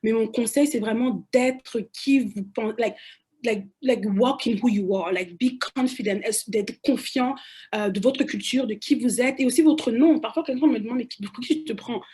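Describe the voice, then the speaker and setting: Woman from Cameroon, Central African French accent, husky and fairly high, animated panel guest who restarts her phrases a lot. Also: moderate pace. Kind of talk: panel discussion talk.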